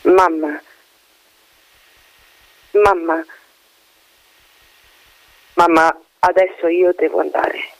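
A man's voice: a little high, little pitch movement, extremely slow, gravelly, pauses often, no echo, full character voice. A man playing a young soldier who speaks in a contained, slightly bitter tone. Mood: restrained. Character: young soldier son, grave and restrained. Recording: dull lo-fi radio recording.

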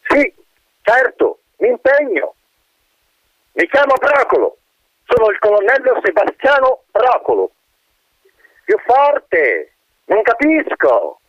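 A man's voice: extremely high pitch, huge pitch swings, slow pace, long pauses, no echo, lo-fi sound, voice pushed up, full character voice. A man voicing a trapped wind spirit with a thin, plaintive, whistling voice, meek and eager to please.

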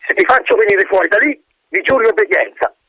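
Narrator putting on a cranky old army colonel, high and barking, very dry sound. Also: male voice, big pitch swings, a little fast, bright, forceful tone, husky, no room sound, heavily acted, poor audio. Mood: gruff. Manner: raised, exasperated barking. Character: gruff, irritable elderly male colonel.

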